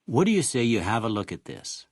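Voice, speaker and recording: An older male actor voicing a kindly, wry small-town doctor in a video game, with a folksy American rural Western drawl and a raspy voice. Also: medium pitch, very animated, darkish tone, no echo, clean studio sound. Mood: gentle, wry. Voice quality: raspy, gravelly. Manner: folksy, unhurried, plainspoken. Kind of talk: video game character dialogue.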